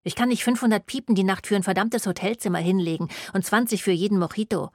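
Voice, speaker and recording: A woman's voice: medium pitch, fast talker, darkish tone, no room sound, studio quality, natural voice. A woman voicing a broke young student who whines and snaps back defensively. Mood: whiny. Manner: whiny, defensive.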